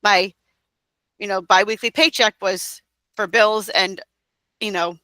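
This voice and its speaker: A woman's voice: mid-range voice, fairly even intonation, measured pace, bright, forceful tone, dry recording. A woman in her thirties, an interview guest, talking casually and rambling with many fillers. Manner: rambling, frequent fillers and restarts. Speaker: guest, direct-sales entrepreneur.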